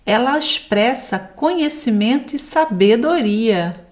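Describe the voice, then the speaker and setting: A woman's voice: on the high side, animated, slow pace. Brazilian woman teaching from scripture. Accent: Brazilian Portuguese. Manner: reflective, quotes scripture, asks the audience questions. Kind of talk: devotional teaching talk.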